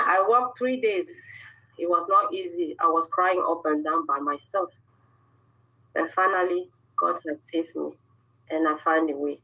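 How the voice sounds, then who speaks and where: A woman's voice: lowish voice, bright, forceful tone, poor audio. A middle-aged woman from Cameroon sharing her life story earnestly on a video call. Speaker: guest speaker. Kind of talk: personal testimony on a video call.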